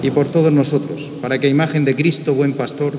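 A man's voice: mid-range voice, steady tone, a little fast, a little mellow. A man formally recites liturgical petitions clause by clause, in a cathedral echo. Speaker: reader of the prayer intercessions. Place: large church, indoors. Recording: cathedral echo, clearly hissy noise.

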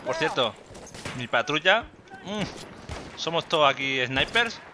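A man with a Spain Spanish accent giving joking, excitable gameplay commentary and swearing often. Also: on the high side, a little slow, slight background noise. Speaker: gaming YouTuber. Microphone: desk USB microphone. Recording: loud game gunfire behind. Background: gunfire and explosions from the game.

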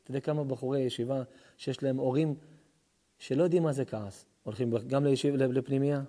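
A man giving a fervent Hebrew sermon as a rabbi, moving between forceful exhortation and soft, intimate storytelling. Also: medium pitch, steady tone. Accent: Israeli Hebrew. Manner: impassioned, rising to near-shouts at the opening, then hushed and intimate. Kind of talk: sermon to a live audience.

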